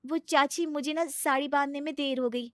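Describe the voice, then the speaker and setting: A woman's voice: high voice, fairly even intonation, moderate pace, dry recording, clean studio sound, pitched above the performer's own voice, lightly acted. A woman voicing an earnest young modern bride in a cartoon story, speaking frankly with a slightly plaintive tone.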